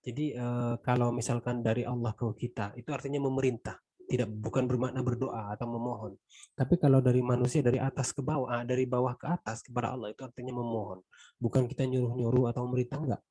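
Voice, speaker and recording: A middle-aged man with an Indonesian accent gives a conversational Quran exegesis lesson. His voice is mellow and a little husky, recorded dry and close. He keeps tagging his points and lets line endings fall away quietly. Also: mid-range voice, level tone, fast, no echo. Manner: conversational, frequent "gitu kan" tags, trailing softly. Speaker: religious teacher.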